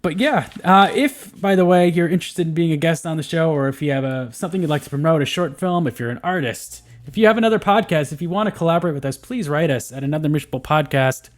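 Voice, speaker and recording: A man hosting a podcast in casual chat, friendly and quick to laugh. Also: on the high side, expressive. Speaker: podcast host.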